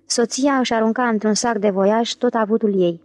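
A woman narrating a literary audiobook in an even, measured reading style. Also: on the high side, dry recording.

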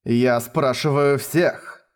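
A man voicing a cold, composed male colonel who speaks calmly and deliberately. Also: medium pitch, lightly acted. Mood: firm. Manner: calm, icy, measured.

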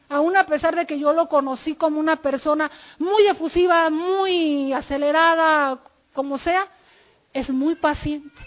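A woman gives an informal sermon-style talk on marriage. Her voice sits high, and she speaks candidly, sharing her own habits. The recording sounds dull and lo-fi. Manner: candid, confessional, quotes her husband.

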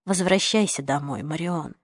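A woman reading the part of an ailing older father who pleads and evades, in a lowered, subdued audiobook voice. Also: moderate pace, no echo, studio quality. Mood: hesitant. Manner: hesitant, pleading.

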